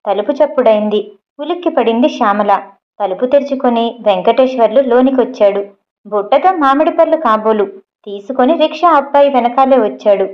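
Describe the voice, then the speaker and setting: A woman, the regular narrator of an audio story channel, reading a short story aloud in a measured, steady way. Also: on the high side. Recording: dull lo-fi recording.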